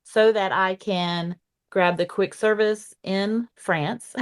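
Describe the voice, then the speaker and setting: A woman's voice: mid-range voice, steady tone, slow, clean tone. A woman with a thick Southern US accent chatting casually as a panelist. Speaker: panelist in a theme park draft game. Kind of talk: casual chat.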